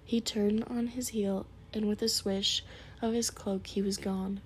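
A woman reading a storybook aloud in a soft, hushed whisper. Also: medium pitch, flat delivery, unhurried, a little hiss or hum.

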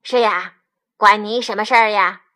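A woman voicing a grumpy old male wolf in a storybook read-aloud, gruff and prone to stammering. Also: mid-range voice, fairly even intonation, moderate pace, sharp tone, natural voice. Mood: snarling. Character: big grumpy old male wolf, bluffing then flustered.

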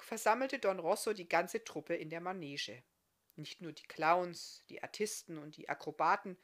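A woman author reading her fairy-tale novel aloud in an expressive, lively storytelling manner. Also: lowish voice.

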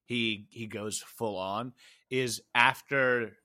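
A man's voice: medium pitch, steady tone, slow, bright, forceful tone. A man co-hosting a movie podcast, chatting casually and laughing often. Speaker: podcast co-host.

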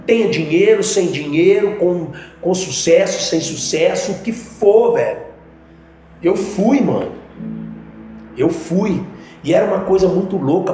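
A man from Minas Gerais, Brazil, guesting on a podcast, recounts his life in slangy, easygoing speech that swells into fervent emphasis. His voice is mellow and fairly high; the studio echoes heavily and background music plays.

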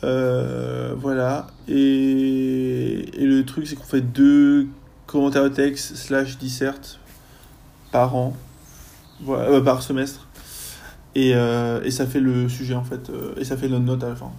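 A young man, a university student, chatting casually in a podcast interview, often pausing on fillers as he thinks. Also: medium pitch, monotone, gravelly, mellow. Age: young adult. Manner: chatty, lots of hesitations and fillers.

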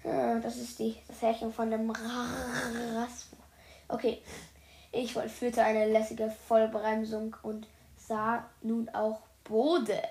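A woman's voice: on the high side, completely flat delivery, slow pace, gravelly, darkish tone, a little hiss or hum. A woman reading a children's detective book aloud to her viewers, stopping often for chatty, slangy comments. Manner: chatty, addresses viewers as "Leute", youthful slang. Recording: roomy echo.

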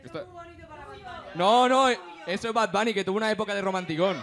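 Brief: comic sidekick, high male voice, deadpan quips at a live pub show. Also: fairly quick, gravelly. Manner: dry quips. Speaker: co-host. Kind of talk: live comedy podcast banter.

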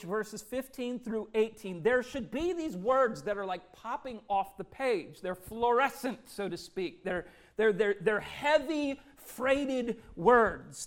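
A pastor preaching an impassioned sermon, swinging from hushed, tender passages to loud, ringing declarations. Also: male voice, sits high.

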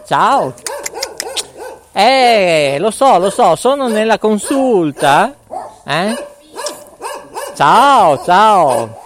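A man's voice: high-pitched, very animated, extremely slow, long pauses, a crowd in the background. A middle-aged man hosting a live mobile radio broadcast while walking outdoors through city streets, slightly out of breath. He rambles and jokes, tagging his lines with a questioning "eh?". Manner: rambling, jokey, tags lines with "eh?". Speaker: web radio host.

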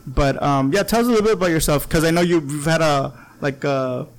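A man hosting a casual local podcast, his speech loose and full of fillers. His voice is gravelly with a touch of fry and sits a little high. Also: a little fast. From Southern California border town. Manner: rambling, many fillers. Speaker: podcast host.

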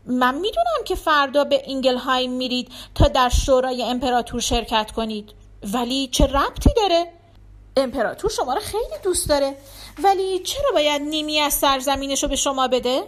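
A woman's voice: high-pitched, animated. A woman voicing a worried noble wife, the emperor's sister, who pleads with her husband. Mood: worried pleading.

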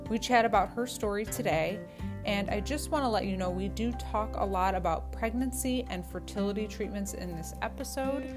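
A woman's voice: mid-range voice, moderate pace, music in the background. A woman hosting a podcast, opening the episode and chatting casually with her guest. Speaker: podcast host. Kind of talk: casual interview chat.

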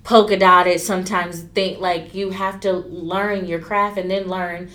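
A woman, a stylist chatting candidly in an interview and acting out quotes with lively turns. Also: lowish voice, measured pace. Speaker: stylist and entrepreneur. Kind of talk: casual interview storytelling.

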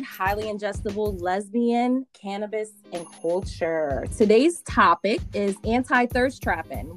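A woman hosting a podcast interview, bubbly and chatty, laughing often and using lots of "like" and "um". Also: medium pitch. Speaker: podcast host.

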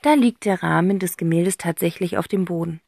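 A woman narrating a children's audiobook in a lively, expressive way. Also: lowish voice, a little fast, vocal fry, no echo. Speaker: audiobook reader.

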